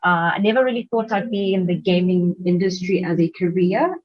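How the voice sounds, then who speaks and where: A woman with a fairly low voice speaks hesitantly, with many fillers, as she introduces herself on a panel call. The audio is muffled and lo-fi, as over a weak video call line. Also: a little fast. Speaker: game design lecturer. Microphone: video call with camera off.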